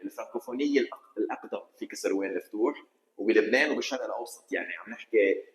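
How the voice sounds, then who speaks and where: A man's voice: fairly low pitch, racing. A middle-aged Lebanese man from Kesrouan with a Lebanese accent, a podcast guest eagerly explaining his engineering career in detail. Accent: Lebanese Arabic. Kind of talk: casual interview conversation. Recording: roomy studio echo.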